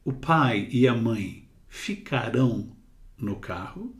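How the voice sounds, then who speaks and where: A man teaching English pronunciation to Portuguese speakers, with a Brazilian Portuguese accent, slowly drilling and repeating words. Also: mid-range voice, lively intonation, roomy sound. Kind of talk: slow pronunciation lesson.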